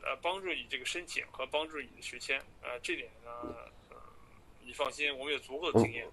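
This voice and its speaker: Fast-talking man on a phone call, bright voice. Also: mid-range voice. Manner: halting and repetitive, stammering over words. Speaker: immigration and study-abroad agent. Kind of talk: business phone call, explaining and reassuring a client. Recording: noisy recorded phone call.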